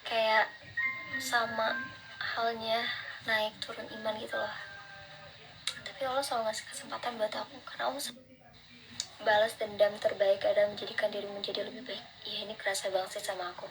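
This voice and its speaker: A young adult woman with a soft r that slurs toward w, reading out motivational religious lines and commenting on them in an earnest, encouraging, casual way. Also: fairly high pitch, flat delivery, fairly quick, long pauses, rough recording. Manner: slurred r sounds, close to w. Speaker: vlogger. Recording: instrumental music behind the voice. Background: instrumental music.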